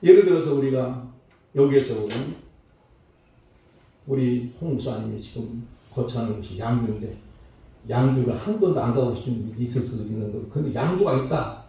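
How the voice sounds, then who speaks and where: Gravelly man preaching in an echoey church. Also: moderate pace. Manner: preaching with sudden swings between loud, high calls and low, hushed lines. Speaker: pastor. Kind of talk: Sunday sermon. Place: church sanctuary. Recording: very echoey church hall, mic far off.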